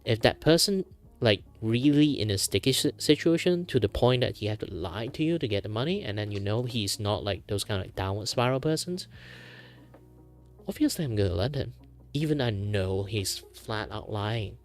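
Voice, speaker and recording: A man hosting a livestream, chatting casually in a rambling, animated way. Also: on the low side, moderate pace, soft background music. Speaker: livestream host.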